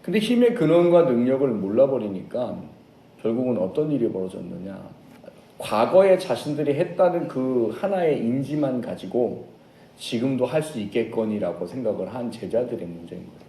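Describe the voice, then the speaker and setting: A man preaching a sermon as pastor, telling a story with lively changes and acting out shouted lines. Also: medium pitch, roomy sound, rough recording. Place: church sanctuary.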